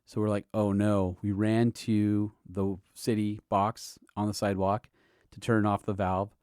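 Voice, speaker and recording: A middle-aged man and podcast host, from Southern California, sharing fond, halting memories in a personal tribute, with soft laughs between thoughts. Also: lowish voice, level tone, no echo, clean studio sound. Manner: halting, tender, fond laughs while reminiscing. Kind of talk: personal tribute, emotional storytelling.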